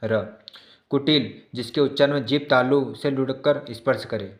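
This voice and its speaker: A man's voice: medium pitch, steady tone, moderate pace, roomy sound. A male teacher giving an exam-prep lesson who repeats each definition and keeps checking in with his listeners.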